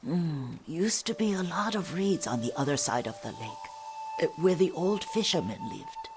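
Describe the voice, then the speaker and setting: An actress playing a gentle, wistful elderly female servant in dramatic video game dialogue, speaking softly and deferentially. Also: lowish voice, wildly swooping pitch, moderate pace, music in the background. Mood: caring, reminiscing. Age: older. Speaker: game voice actor.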